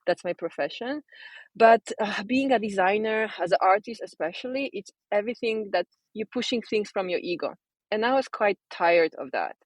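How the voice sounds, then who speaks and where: A woman with a Polish accent, a designer and coach speaking casually as an interview guest, thoughtful and pausing to search for words. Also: mid-range voice, animated, dry recording, rough recording. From Poland.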